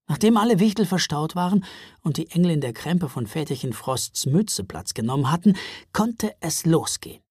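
Expressive storybook narrator, woman, breathy and animated. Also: deep voice, no room sound, studio quality. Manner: lively, expressive. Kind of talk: children's audiobook reading.

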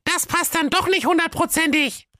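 Man doing a falsetto girl detective, squeaky, sharp, bossy, dry studio sound. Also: moderate pace, no room sound. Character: shrill young girl detective, bossy and triumphant.

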